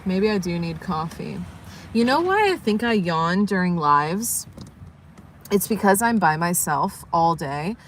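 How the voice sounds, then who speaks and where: A woman's voice: on the low side, slight background noise. A young woman chatting casually on a livestream, rambling and yawning, sleepy and just woken up. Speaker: livestream vlogger.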